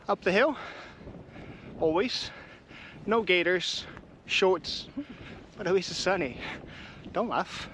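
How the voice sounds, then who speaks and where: An English man chats casually to the camera as he walks hilly countryside trails. His voice sits slightly high and sounds friendly and unhurried. Faint open-air ambience runs behind him. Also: a bit bright, a little hiss or hum, low-quality recording. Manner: chatty, friendly, talks while walking uphill. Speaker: hiking vlogger. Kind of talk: casual walking vlog chat to camera. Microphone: camera mic while walking.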